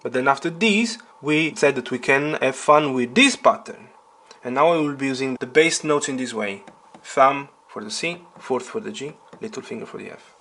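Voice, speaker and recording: With a piano playing in the background, a man gives an informal tutorial, teaching step by step and repeating himself as he explains. His voice is medium in pitch, expressive and a bit bright, at a moderate pace.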